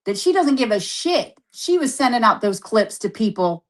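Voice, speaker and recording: A woman's voice: a little high, very animated, normal speed. A woman in a confrontational, sweary argument on a live stream, repeating words for emphasis.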